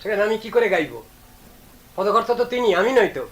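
A man's voice: high voice, sing-song, brisk, low-quality recording. A man giving a devotional discourse as a Vaishnava preacher, emphatic and stern, posing rhetorical questions.

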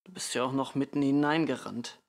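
Male reader doing a steady, grim audiobook father, low-key and gravelly. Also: a little fast, natural voice. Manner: quiet, calm, turning sharp when exasperated. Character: calm weary father, middle-aged man.

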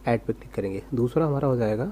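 A man's voice: medium pitch, fast, dark tone, slight background noise. A man giving a casual screen-recorded coding lesson, asking himself rhetorical questions as he types. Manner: casual, rhetorical self-questions, talks while typing. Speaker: programming tutor.

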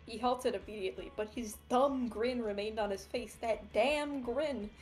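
Woman streamer reading a story out loud, snarky, swears a lot, faint music in the back. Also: fairly high pitch, moderate pace. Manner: sarcastic, swears freely, breaks off to joke. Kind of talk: reading a story aloud with casual commentary.

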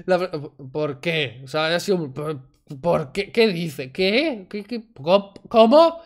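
A man with a high voice and a slow pace sits at his home desk indoors, giving casual, sarcastic commentary over a video clip. The reaction streamer is animated and mocking, using a desk mic while wearing headphones.

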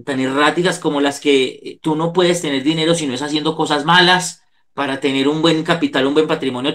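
A fairly bright, slightly high male voice belongs to a middle-aged Colombian psychologist giving a devotional talk. He preaches earnestly over a video call from an indoor room, heard through the call's microphone.

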